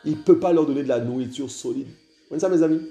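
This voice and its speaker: Urgent French-speaking preacher, echoey room. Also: male voice, a little high, fast, dark tone, faint music behind. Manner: repeats "mes amis" and "hein" constantly, urgent exhortation. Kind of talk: informal sermon.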